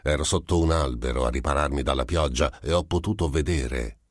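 Man voicing a sly calm gentleman, very deep voice, dry close sound, probing and smooth. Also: fairly quick, no room sound. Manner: probing, smooth, falsely apologetic. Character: sly, composed male gentleman questioner.

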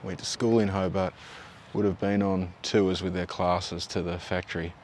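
Relaxed Australian man outdoors, deep voice. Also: moderate pace, slight background noise. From Tasmania, Australia. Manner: relaxed, conversational, offhand asides. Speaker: local history video host. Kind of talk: casual on-location presenting. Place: outdoors by a river and on park paths.

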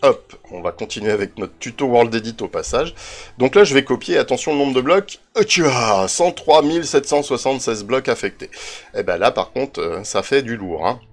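A man's voice: medium pitch, moderate pace. A man hosting a casual game tutorial, thinking aloud as he reads out coordinates, with self-mocking asides and drifting away from his desk mic at times. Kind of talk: casual screen-recorded tutorial.

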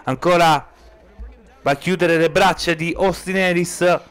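An Italian man giving excited live play-by-play wrestling commentary as a commentator, urgent and exclamatory, stretching out stressed words. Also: fairly high pitch, clean tone. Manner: urgent, exclamatory, drawn-out stressed words, rising to shouts at key moments.

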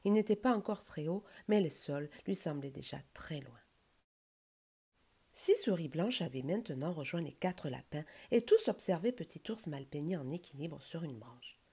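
Woman, bedtime story reading, gentle, expressive, warm tone. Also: deep voice, moderate pace, husky.

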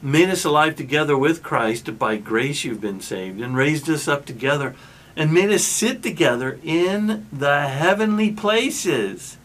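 A male pastor giving a sermon in a conversational, storytelling way, often restarting his sentences and pausing mid-thought. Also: a little high, expressive, fairly bright tone. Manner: conversational, with frequent restarts and trailing pauses.

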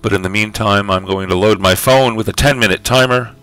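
A man's voice: lowish voice, a little fast, fairly bright tone, clear, resonant tone, soft background music. A man hosting a casual livestream, chatting with viewers about his audio levels and setting up a writing sprint, with lots of fillers.

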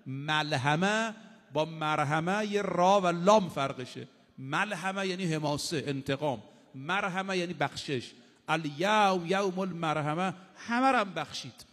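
High-voiced male preacher in a reverberant hall. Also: fairly bright tone. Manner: recites short Arabic sayings, then explains them in casual spoken Persian; addresses the audience directly, with emphatic repetition. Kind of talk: sermon.

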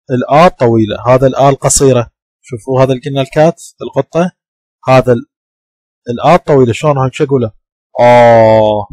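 A man's voice: mid-range voice, darkish tone, no room sound. Iraqi man teaching English sounds, dry close mic. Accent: Iraqi Arabic. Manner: patient, explaining and repeating sounds. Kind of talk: classroom lecture.

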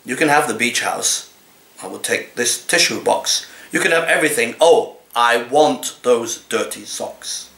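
A sixty-something man with a creaky, medium-pitched voice reads comic poems aloud in character as a cat. His performance is measured, dramatic and full of expression, like an actor's. The echoing sound comes from a small indoor living room.

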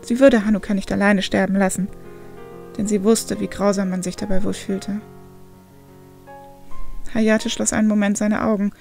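A woman reading a story aloud in a calm, measured narrating voice. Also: medium pitch, creaky, soft background music. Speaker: audiobook reader.

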